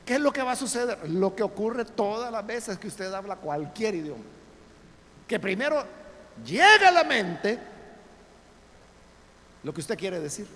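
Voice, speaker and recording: Speaking at a moderate pace in a rather high voice, a man delivers an emphatic sermon in a church sanctuary. He poses rhetorical questions and talks straight to the congregation, and the audio carries long reverb plus faint ambient noise.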